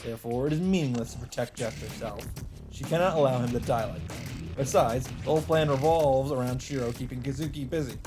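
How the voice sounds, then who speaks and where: Here a man reads scripted visual novel narration during a let's play, game music running underneath. His voice sits in the mid range and moves a little fast.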